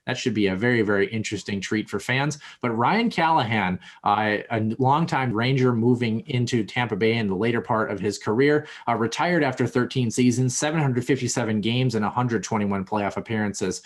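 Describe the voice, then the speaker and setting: A man's voice: mid-range voice, a little fast, hardly any pauses. Man hosting a hockey news podcast. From Minnesota. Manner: reads hockey news with fillers, says he is lisping. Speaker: podcast host. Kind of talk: casual sports news rundown.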